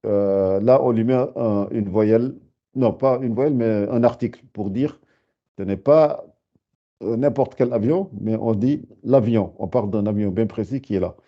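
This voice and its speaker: Slow patient guy teaching a lesson, lowish voice, muffled lo-fi recording. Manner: patient, repeats and spells out words slowly. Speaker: Arabic teacher. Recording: dull lo-fi sound.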